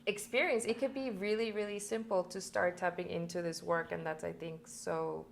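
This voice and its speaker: Low, gravelly woman explaining earnestly. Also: fairly even intonation, moderate pace, slight background noise. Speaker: somatic intimacy coach, guest. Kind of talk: casual conversation.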